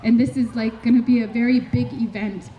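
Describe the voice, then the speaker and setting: A woman from Canada giving a heartfelt public address at a community memorial gathering, speaking slowly and earnestly with measured pauses between phrases. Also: fairly high pitch, fairly even intonation, mellow. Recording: dull lo-fi recording with faint background noise.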